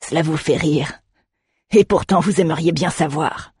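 A man's voice: a little high, normal speed, darkish tone, breathy edge, no room sound, studio quality. A reader voicing a proud, defiant male outcast who is tied up and taunts his captor, in an audiobook. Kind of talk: audiobook narration.

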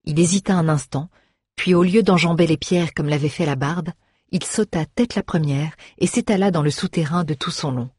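A woman reading a fantasy story aloud in a steady, measured way. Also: low-pitched, slightly rough, no echo, studio quality. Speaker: audiobook reader. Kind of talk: scripted fantasy narration.

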